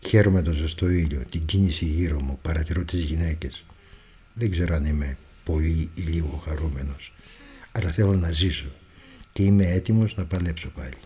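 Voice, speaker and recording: Man reading a memoir out loud, real deep and dark, husky. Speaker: narrator. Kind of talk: dramatic reading of a first-person memoir.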